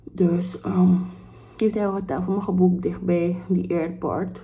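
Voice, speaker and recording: Young woman vlogger, lowish dark voice, animated storytime delivery, code-switches into English. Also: unhurried, creaky, rough recording. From Suriname. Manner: animated retelling, acts out both sides of the dialogue; mixes English phrases into Dutch. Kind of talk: casual storytime vlog.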